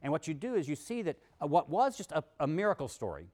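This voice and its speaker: A man lecturing to students, animated, reading passages aloud with emphasis and adding wry asides. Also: fairly high pitch, fast. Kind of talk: university lecture.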